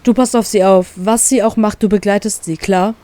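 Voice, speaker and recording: A woman's voice: mid-range voice, fairly even intonation, moderate pace, mellow, close to an everyday voice. A woman voicing a grown male ship captain who talks in curt, dry, clipped commands. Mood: irritated.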